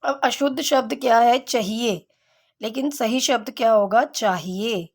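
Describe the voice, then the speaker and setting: Slow-speaking woman teaching grammar. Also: fairly high pitch. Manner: slow, explanatory, asks and answers own questions. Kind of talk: grammar lesson for children.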